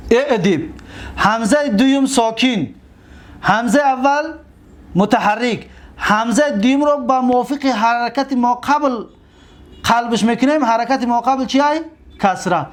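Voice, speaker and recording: A man teaching Arabic grammar, drilling word forms over and over and asking questions that he then answers himself. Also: high voice. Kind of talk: classroom-style lecture.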